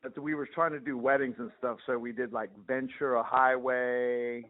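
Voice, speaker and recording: A man's voice: medium pitch, level tone, moderate pace. Man with a tinny phone-like sound. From Northern California. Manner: rambling, laughs often, self-deprecating. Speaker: musician guest. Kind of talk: casual interview chat.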